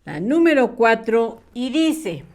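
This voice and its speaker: Woman teaching little kids online, slow and patient, lively higher voice. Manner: slow, patient, sing-song questions to children. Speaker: primary school teacher. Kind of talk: online class for young children.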